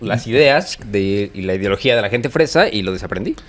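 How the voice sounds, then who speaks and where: A man's voice: lowish voice, animated. A Mexican man co-hosting a podcast, joking around in casual chat full of slang. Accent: Mexican Spanish. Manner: quick, joking, heavy slang. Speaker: podcast co-host.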